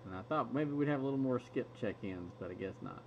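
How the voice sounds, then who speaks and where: A man's voice: medium pitch, expressive, fast. A man hosting a radio hobby stream, chatting casually and laughing often between stories. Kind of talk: casual chat. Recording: muffled lo-fi recording, faint hiss.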